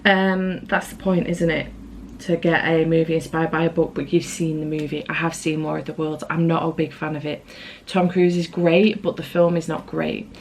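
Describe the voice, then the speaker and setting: A woman's voice: low-pitched, flat delivery, moderate pace, slight background noise. A British woman chatting casually to camera as a book vlogger, rambling along with self-aware asides.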